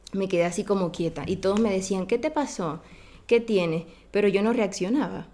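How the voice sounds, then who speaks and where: Woman telling a spooky childhood story. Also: mid-range voice. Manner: animated, acts out quoted voices of children. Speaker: guest storyteller. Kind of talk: casual storytelling on a podcast.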